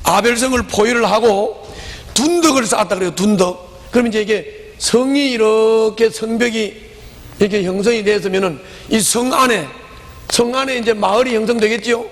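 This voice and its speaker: A man preaching a lively sermon as a pastor, telling the story and speaking directly to his congregation. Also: high-pitched, normal speed. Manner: animated, storytelling, talks to the congregation. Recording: long hall reverb.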